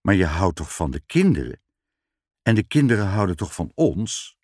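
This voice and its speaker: A man voicing a dignified, indignant old saint in a lowered, solemn voice. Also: big pitch swings, moderate pace, darkish tone, no room sound, clean studio sound. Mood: coaxing.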